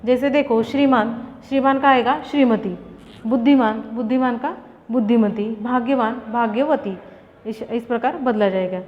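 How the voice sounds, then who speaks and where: A woman's voice: a little high, normal speed. A woman teacher giving a grammar lesson, reading out example words and asking and answering her own questions. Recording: dull reverberant room recording.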